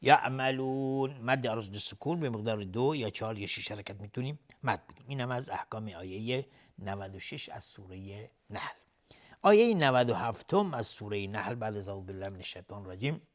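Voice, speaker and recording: A man with a fairly low voice teaches the rules of Quran recitation. He chants each verse slowly and melodically, then explains the rules in quick, plain speech.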